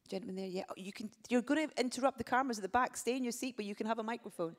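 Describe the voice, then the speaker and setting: Brisk woman moderating a press conference. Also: fairly high pitch. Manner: brisk, directs the room.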